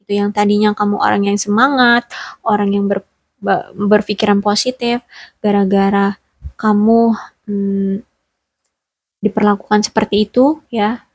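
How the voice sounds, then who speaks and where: A woman's voice: mid-range voice, little pitch movement, unhurried, long pauses, dry recording. A woman giving a relationship reading straight to the listener, rambling with many fillers and self-corrections. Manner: speaks directly to the listener.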